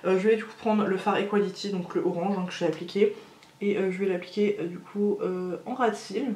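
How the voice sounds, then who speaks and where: A beauty vlogger chats casually through a makeup tutorial, gushing over each product with lots of fillers and hesitations. Her medium-pitched voice is a little mellow and fairly even in intonation, she speaks fairly quickly, and the sound is roomy.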